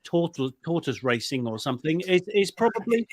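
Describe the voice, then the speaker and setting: A man's voice: on the high side, big pitch swings, fairly quick, darkish tone. A man on a panel in casual discussion, hedging and circling back over his words as he makes his point.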